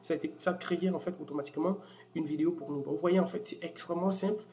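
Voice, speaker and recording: A man walking viewers through a software tool in a casual screen-recorded tutorial, with many fillers and restarts. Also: on the high side, fairly even intonation, very fast, slight background noise. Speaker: software demo presenter.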